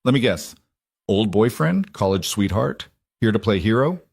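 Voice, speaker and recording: A man doing a menacing wealthy man who speaks with a false, pleasant politeness. The voice sits low and a little husky, in a dry close-miked read. He threatens calmly and never shouts. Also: moderate pace, no room sound, exaggerated voice. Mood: mocking. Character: cold menacing rich man, smooth-talking.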